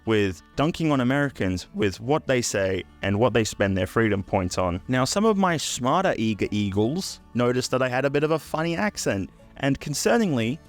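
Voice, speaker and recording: A man's voice: medium pitch, lively intonation, normal speed, hardly any pauses, faint music behind. Crude sarcastic man in his twenties. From UK, raised in Australia. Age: 20s. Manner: crude, sarcastic, swears freely. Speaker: YouTuber. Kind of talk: casual comedic vlog.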